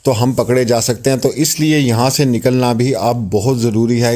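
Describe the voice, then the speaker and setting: A man's voice: mid-range voice, darkish tone. A man narrating and commenting on a court statement for his viewers, in a conversational style with many fillers.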